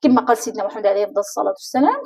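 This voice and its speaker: A woman's voice: medium pitch, expressive, racing, darkish tone, husky. A woman life coach with a Moroccan Arabic accent gives a motivational talk, speaking straight to the listener and asking many rhetorical questions.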